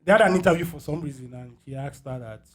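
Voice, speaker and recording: A man's voice: a little high, fast. A man co-hosting a casual podcast chat, blunt and skeptical in how he talks. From Nigeria. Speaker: podcast co-host.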